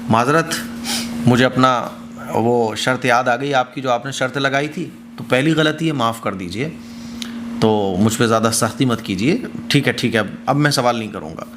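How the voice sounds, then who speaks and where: A man's voice: medium pitch, a bit bright, slight background noise, lightly acted. A man voicing the prophet Moses as a contrite grown man pleading for forgiveness in an informal, apologetic way.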